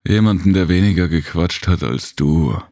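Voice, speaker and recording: A man with a very deep voice playing a tired, gruff alien man with big ears in a storybook reading, talking in a weary, curt way. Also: lively intonation, normal speed, darkish tone, no echo, studio quality, exaggerated voice.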